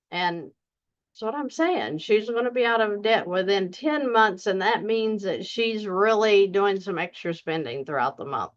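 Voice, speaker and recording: Woman, Southern US accent, debt coach, folksy, emphatic, unhurried, dull lo-fi recording. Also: medium pitch. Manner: folksy, emphatic, deliberately slow. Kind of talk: casual direct-to-camera advice.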